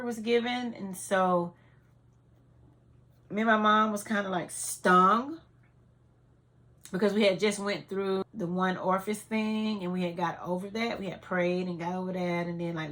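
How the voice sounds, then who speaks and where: Woman, 30s, vlogger, emotional testimony, bright tone. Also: mid-range voice. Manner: heartfelt, tearful testimony with fillers. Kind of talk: emotional personal storytelling.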